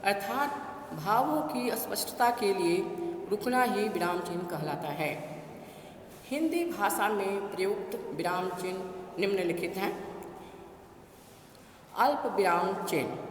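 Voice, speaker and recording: A woman teacher giving a classroom lesson, dictating slowly and deliberately. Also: mid-range voice. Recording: echoey room with faint noise.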